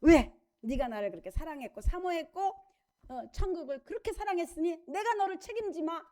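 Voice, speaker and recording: A middle-aged woman pastor giving a sermon, telling a story with lively quoted voices and questions to the congregation. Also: extremely high pitch, brisk.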